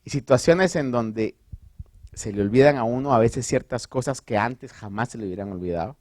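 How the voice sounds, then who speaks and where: A man preaching a sermon as pastor, conversational and animated, asking the congregation rhetorical questions and dropping in English phrases. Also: medium pitch, moderate pace, no room sound.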